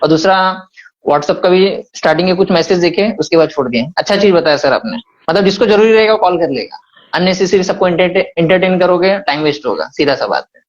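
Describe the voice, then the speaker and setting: A man's voice: sits high, animated, a little fast. A man hosting an interview who asks questions politely, calls the guest sir and agrees readily. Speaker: host. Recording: muffled lo-fi sound.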